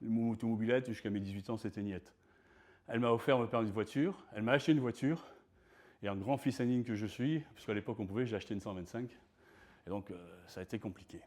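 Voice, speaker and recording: A man giving a performed storytelling talk on stage, conversational and self-mocking, halting with restarts. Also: lowish voice, a little mellow. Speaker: speaker. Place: stage before an audience.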